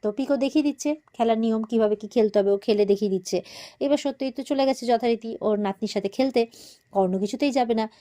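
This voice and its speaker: A woman's voice: fairly high pitch, fast, dark tone. A woman with a Bengali accent casually recapping a TV serial episode, now and then acting out the characters' lines. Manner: retells scenes, briefly acting out characters' lines in a livelier voice.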